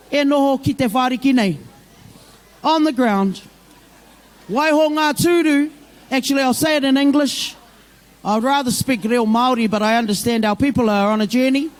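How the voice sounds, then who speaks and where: A woman's voice: high-pitched, darkish tone. A middle-aged woman with a broad New Zealand accent, speaking informally off the cuff to a community gathering in a plain-spoken, motherly way. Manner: plain-spoken, motherly, addresses listeners with endearments. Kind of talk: informal, off-the-cuff public speech mixing English with Māori phrases.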